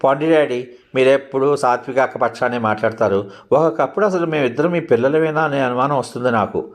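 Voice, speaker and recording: A man's voice: mid-range voice, a little fast, pitched above the performer's own voice, natural voice. A man voicing a blunt, complaining young daughter in a read-aloud novel. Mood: petulant. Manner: petulant, complaining.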